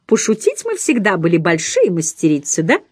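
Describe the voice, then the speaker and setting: A woman's voice: lowish voice, huge pitch swings, moderate pace, a little mellow, slightly rough, no echo, studio quality, heavily acted. A woman voicing a fussy, chattering elderly female companion who coos and talks down to her charge, in an audiobook reading. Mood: cooing. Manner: cooing, patronizing, clucking.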